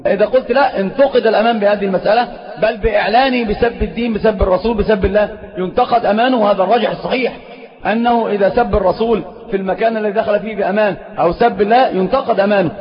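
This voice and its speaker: Egyptian guy preaching fast, emphatic, dull old tape with long hall reverb. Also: high-pitched, fairly even intonation. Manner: emphatic, rising to forceful stress on key points. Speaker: sheikh teaching a religious lesson. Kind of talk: religious lecture. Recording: lo-fi recording in an echoey hall.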